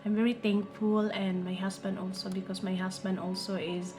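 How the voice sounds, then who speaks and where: A woman's voice: medium pitch, level tone, moderate pace, over music. A woman from the Philippines whose first language is Filipino, telling a personal story in simple English and repeating her phrases. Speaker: vlogger. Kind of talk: personal testimony vlog.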